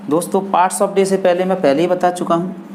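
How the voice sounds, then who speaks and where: A man teaching English grammar in Hindi, speaking deliberately and repeating each example sentence. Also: high voice, flat delivery, noisy background.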